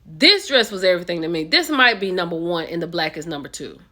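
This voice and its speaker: A woman, hosting casual reality TV commentary in a chatty, animated way with sudden excited jumps in pitch. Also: fast talker. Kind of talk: casual chat.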